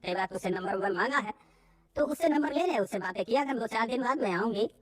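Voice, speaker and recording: A woman's voice: a little high, lively intonation, quick pace, dry recording. Lady doing a chill young girlfriend giving advice, easy tone. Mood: advising. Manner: reassuring, advising. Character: young woman, calm worried friend.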